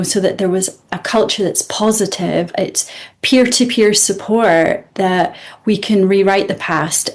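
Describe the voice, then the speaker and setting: A woman's voice: mid-range voice, darkish tone. A woman from Scotland with a Scottish accent, a guest speaking earnestly and reflectively in an interview, often restarting her sentences. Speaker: guest, student of the program. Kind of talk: interview conversation.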